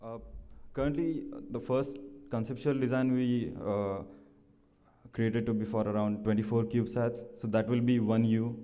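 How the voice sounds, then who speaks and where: A man presenting a startup, answering questions at a pitch competition in halting, explanatory, slightly non-standard English. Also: steady tone, dark tone. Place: large conference hall. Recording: echoey hall, long reverb.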